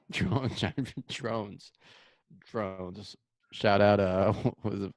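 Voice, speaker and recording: A man's voice: on the low side, level tone, drawn-out words, no echo. A young man co-hosting a podcast, chatting casually, laughing often and letting sentences trail off. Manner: laid-back, laughing, trailing off. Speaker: podcast co-host. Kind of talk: casual chat.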